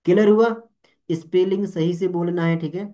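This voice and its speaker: With a high voice and normal speed, a young man animatedly coaches network marketers in Hindi blended with English. Throughout this motivational training talk, he repeatedly asks "ठीक है?" and "All clear?" to check everyone is following.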